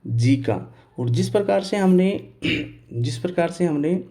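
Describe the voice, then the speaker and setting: A man's voice: fairly high pitch, lively intonation, warm tone. Man teaching, quizzing and answering himself. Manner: asks a question, then answers it himself; repeats key words slowly, spelling out letters. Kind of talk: Hindi lesson on English pronunciation.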